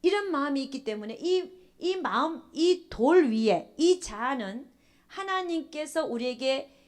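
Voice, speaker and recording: A woman's voice: high voice, measured pace. A middle-aged woman pastor giving a sermon. She keeps asking the congregation questions and acts out what believers think. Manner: animated preaching, asks the congregation questions, acts out church members' thoughts.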